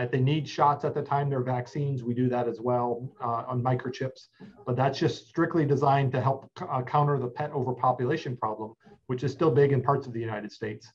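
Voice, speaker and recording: Speaking for an animal shelter, a man in his forties steadily explains its services over a video call, using lots of filler sounds. His voice is medium-pitched, the recording is muffled, and he sits in an office with a plain wall.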